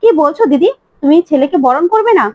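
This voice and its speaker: A woman voicing a sharp-tongued, meddling sister-in-law who needles the mother. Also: sits high, expressive, fast talker, dry recording, phone-quality sound. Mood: needling. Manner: needling, scolding.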